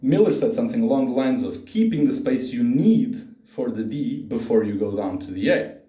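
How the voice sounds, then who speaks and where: Young male student, mellow mid voice, explains at length with ums and restarts, room echo around him. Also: medium pitch, expressive, moderate pace. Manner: explanatory, with fillers and self-corrections. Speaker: voice student presenting. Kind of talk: spoken presentation. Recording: roomy echo.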